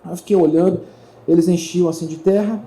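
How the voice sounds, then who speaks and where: A man's voice: sits high, fairly quick, low-quality recording. A middle-aged man tells a story to an audience at a trade fair, acting out the voices of the people in it. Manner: animated storyteller who acts out voices in dialogue. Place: talk stage at a trade fair.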